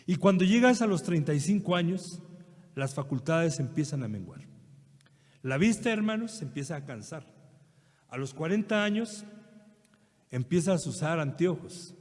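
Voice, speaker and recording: A man's voice: fairly high pitch, darkish tone. A middle-aged man with a Mexican accent preaching a sermon earnestly, often addressing his brothers. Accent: Mexican Spanish. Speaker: pastor. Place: church hall. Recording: long church reverb.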